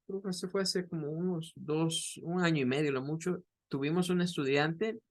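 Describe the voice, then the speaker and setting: Male teacher, higher voice, patient, repeats himself, slow drawn-out examples. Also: steady tone. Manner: explains slowly, models English words in drawn-out demonstrations; patient, repeats words and restarts phrases often. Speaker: English teacher. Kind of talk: recorded online lesson.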